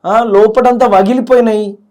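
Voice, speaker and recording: A man's voice: high voice, fairly even intonation, normal speed, darkish tone. A young man, a student leader speaking in an interview with heartfelt feeling and often repeating his words. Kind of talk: emotional interview.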